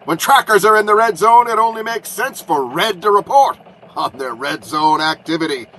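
A man acts out an eager Christmas elf reporting for mock radio news. The voice is high and bright, with lively swoops and emphatic, folksy confidence. There is faint noise behind it. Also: normal speed, exaggerated voice. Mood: confident. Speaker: elf reporter at flight command.

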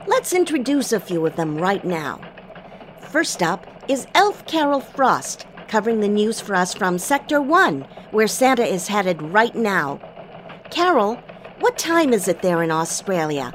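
A woman's voice: medium pitch, big pitch swings, a little slow, slight background noise. A woman playing a female elf radio news anchor, reading in an enthusiastic newsreader manner. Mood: upbeat. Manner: bright, enthusiastic newsreader delivery. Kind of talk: scripted radio news parody.

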